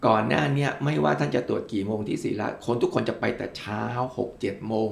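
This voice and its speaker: Older man, very gravelly voice, quick-talking, physician guest, explains with examples. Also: mid-range voice. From Thailand. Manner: explains with worked examples, politely addresses listeners. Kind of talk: explanatory interview talk.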